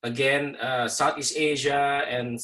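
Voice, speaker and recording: A man teaching a university class over a video call, explaining slowly with many fillers and pauses. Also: medium pitch, level tone, bright, forceful tone, poor audio. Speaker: university professor. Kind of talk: online lecture with class introductions.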